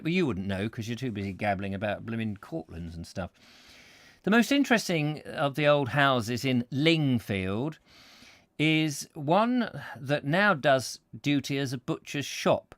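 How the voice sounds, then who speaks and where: A man reads an old travel book aloud with a lively, expressive voice and middling pitch, stopping now and then for chatty, self-deprecating asides to his listeners. He sounds at ease and animated. The recording is close and dry, with no echo. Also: normal speed. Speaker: reader and host of a live reading stream.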